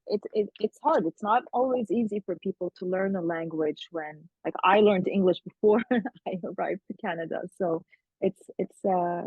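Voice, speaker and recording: Over a video call, a woman interviews a guest in casual conversation, chatting with plenty of fillers and restarts. Her medium-pitched voice has a breathy edge, and the line sounds tinny, like a phone, and dry.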